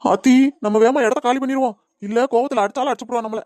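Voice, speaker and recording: Cartoon: woman playing a timid henpecked husband, quick and pleading. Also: on the high side, fairly even intonation, darkish tone, no echo, lightly acted. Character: meek henpecked husband, middle-aged man. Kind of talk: cartoon comedy voice acting.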